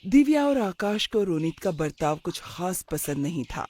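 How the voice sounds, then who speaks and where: A narrator telling an animated moral story in a calm, measured way. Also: medium pitch.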